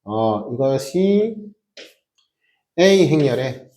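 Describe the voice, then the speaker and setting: A man's voice: medium pitch, very animated, drawn-out words, warm tone. A man teaching a math class, explaining step by step with emphatic rhetorical questions to his students. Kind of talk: classroom lecture.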